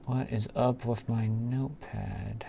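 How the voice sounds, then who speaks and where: A programmer live streamer speaks in a mid-range, gravelly voice, slowly and with fairly even intonation. He codes on stream, casually thinking out loud and muttering murmured asides punctuated by sighs and hums. The noisy room carries the constant clicking and typing of his keyboard.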